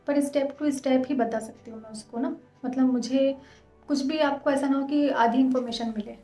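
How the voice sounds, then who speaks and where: Fast-talking woman vlogger, high voice. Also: fairly even intonation, dark tone, reverberant, soft background music. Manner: fast, earnest, direct address. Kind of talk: casual vlog talk to viewers.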